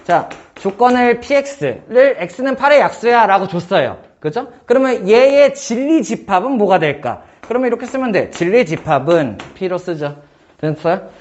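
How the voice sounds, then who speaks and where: A man teaching math in a casual one-on-one lesson, firing quick questions at his student and joking. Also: high-pitched, a little mellow, muffled recording. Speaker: math tutor.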